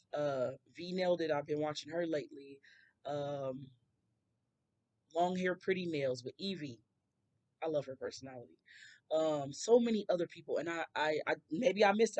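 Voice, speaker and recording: Woman, nail tutorial host, hoarse and scratchy today; chatty, rambling voice-over. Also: low-pitched, a little mellow. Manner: chatty, rambling asides to viewers.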